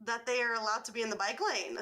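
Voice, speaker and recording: A woman's voice: a little high, fairly even intonation, fast, sharp tone. A woman in her twenties co-hosting a casual podcast, emphatic and dramatic, swearing for effect. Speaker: podcast co-host.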